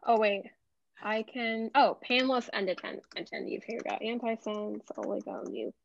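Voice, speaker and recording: A woman guest speaker patiently explaining genetics to patients on a video call, friendly and quick to laugh. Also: fairly high pitch, steady tone. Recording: dull, dry video-call audio.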